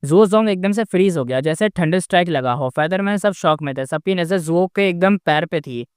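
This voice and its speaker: A man's voice: high-pitched, fairly quick, smooth, no room sound, studio quality. A man narrating a novel recap in a casual way, with chatty asides to the listener. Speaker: story narrator.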